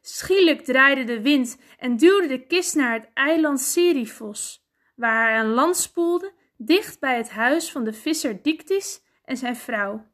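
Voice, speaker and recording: Slow, expressive woman storyteller. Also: high-pitched. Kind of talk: storybook narration of a myth.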